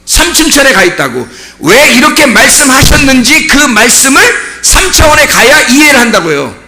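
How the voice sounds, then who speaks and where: A male pastor preaching a sermon emphatically, asking repeated rhetorical questions and bursting into shouts on key points. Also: extremely high pitch, big pitch swings, normal speed, over music.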